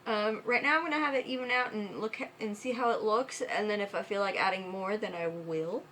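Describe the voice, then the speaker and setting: A woman's voice: mid-range voice, a little fast, fairly bright tone, slight background noise, poor audio. A drunk woman giving a casual, chatty makeup tutorial, fumbling and tripping over her words as she goes.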